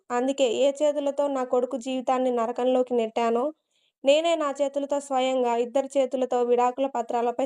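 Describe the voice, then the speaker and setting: A woman's voice: high-pitched, darkish tone, smooth, close to an everyday voice. A woman doing a stern, commanding old father. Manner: harsh, scolding.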